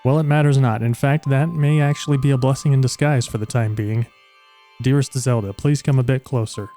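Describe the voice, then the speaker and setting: A man's voice: mid-range voice, steady tone, brisk, mellow, soft background music, lightly acted. A man reading the lines of a solemn, formal old woman sage from a video game in his own voice. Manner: reads game dialogue aloud in his own voice.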